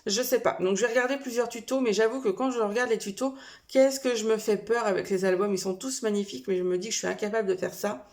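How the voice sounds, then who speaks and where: A woman's voice: medium pitch, fairly even intonation, fast talker, a little mellow. Chatty woman with many fillers. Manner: chatty, hesitant, many fillers and self-corrections. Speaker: vlogger showing a shopping haul. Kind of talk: casual chat to camera.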